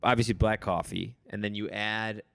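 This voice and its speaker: A man's voice: fairly low pitch, steady tone, normal speed, creaky, a bit bright, clean tone, no echo. A man in his early thirties co-hosting a comedy podcast in casual, joking chat. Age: 30s. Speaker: podcast co-host.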